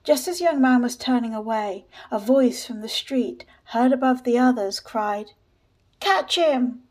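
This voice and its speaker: A woman narrating a story in a steady, measured reading voice. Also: fairly high pitch.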